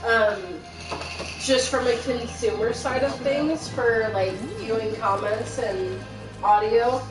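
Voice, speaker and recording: A woman's voice: fairly high pitch, fairly even intonation, slow. A woman co-hosting a game stream, chatting casually in a rambling, self-conscious way. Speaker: stream co-host. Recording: distant mic in a roomy space with game music. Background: game music.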